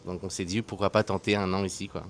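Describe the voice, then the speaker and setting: A man's voice: sits low, little pitch movement, quick pace, a little hiss or hum. A man in his thirties from France, a guest speaking frankly and conversationally with many hesitations. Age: 30s. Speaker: guest, entrepreneur. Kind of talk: casual interview.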